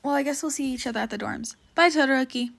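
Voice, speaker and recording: A shy, cheerful teenage schoolboy, read by a woman in a storybook reading. He sounds eager and a bit flustered, quick to apologize and thank. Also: high voice, vocal fry, a bit bright, pitched above the performer's own voice, heavily acted.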